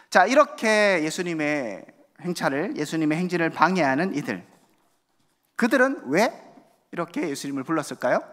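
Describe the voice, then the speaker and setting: A man's voice: high-pitched, fairly bright tone. A male pastor preaching a sermon in a church, asking the congregation questions and acting out the voices of the crowd. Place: church sanctuary. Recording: long church hall reverb.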